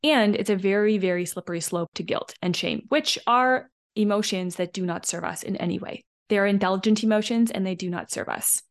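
A woman hosting a solo podcast as a coach, talking in a chatty, animated way and acting out short quoted lines. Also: medium pitch, fairly quick, gravelly, hardly any pauses.

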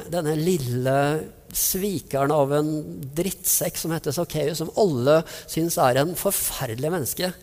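A man's voice: fairly high pitch, a little mellow. A man preaching a sermon, retelling stories vividly and acting out the people in them. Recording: long reverb of a large hall.

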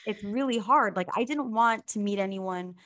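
Here a young female podcast co-host laughs often while telling a story during a relaxed reality-show recap. She speaks at a moderate pace in a mid-range, fairly bright voice.

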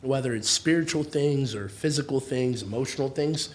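A man from Mexico, a restaurant founder appearing as a podcast guest, who speaks in a calm, reflective way in short, measured phrases. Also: mid-range voice. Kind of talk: casual podcast interview.

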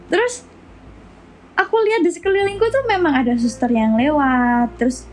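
A woman's voice: high voice, normal speed, darkish tone, slight background noise. A young woman, telling a story animatedly as co-host of a casual chat. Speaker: podcast co-host.

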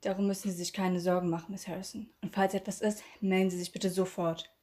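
A woman's voice: mid-range voice, fast, natural voice. A woman reading as a polite police officer. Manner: calm and courteous. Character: polite middle-aged male police officer.

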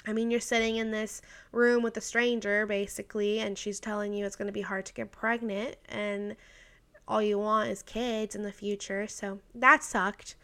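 This vlogger in her twenties has a smooth, medium-pitched voice with a flat delivery at a moderate pace. Chatting through something that happened to her, she leans on "like" and quoted lines, turning emotional and breaking into laughter at times.

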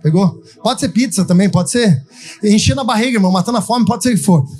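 A man preaching a Pentecostal sermon, half-singing his phrases and building to shouted declarations. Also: sits high, quick pace, faint music behind. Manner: sings phrases, rising to shouted proclamations. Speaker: pastor.

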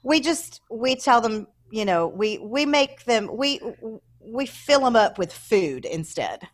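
A woman from the American South co-hosting a casual chat, animated and playful, laughing often. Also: fairly high pitch, slow pace. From Southern United States. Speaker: podcast co-host.

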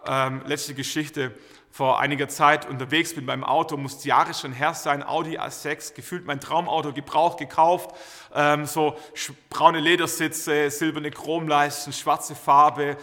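Bright-voiced preacher in a hall. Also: male voice, on the high side, a little slow. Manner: lively anecdotal storytelling with many fillers. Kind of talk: storytelling sermon. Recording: reverberant hall.

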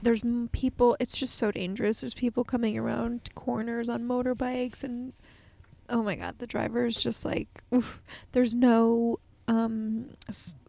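A young woman chatting casually about travels, lively and prone to tangents. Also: a little high, unhurried, vocal fry.

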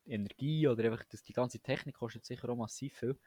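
A young man chats with lots of enthusiasm and slang, often breaking off and restarting. His voice sits at a middle pitch. The recording is dry and close, with no room sound. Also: fast, darkish tone, husky, no echo. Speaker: podcast co-host. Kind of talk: casual chat.

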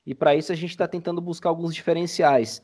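A podcast guest who creates audio dramas explains things informally in a casual interview. He talks fast in a fairly high, steady voice with a darkish tone.

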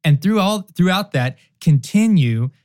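A man's voice: high voice, animated, a little slow, a little mellow. A man co-hosting a podcast on marriage, talking earnestly in a casual way and acting out quoted voices. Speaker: podcast co-host.

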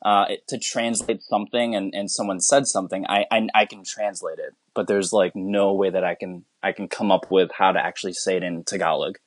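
Speaking a little fast and hardly pausing, a U.S. teacher rambles earnestly as a guest in a casual interview, frequently starting his sentences over. His voice sits fairly low, captured dry and close with no room sound.

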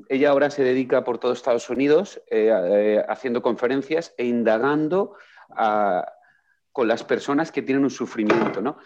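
A man in casual conversation, recounting a book and acting out its questions with lively energy. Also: mid-range voice. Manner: animated storyteller, acts out quoted questions. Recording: dull lo-fi sound.

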